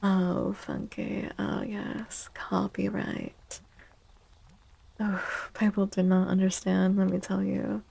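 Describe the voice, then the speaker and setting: An ASMR streamer and tarot reader chats softly with her stream in an unhurried, low, monotone voice with a creaky edge, often dropping almost to a whisper.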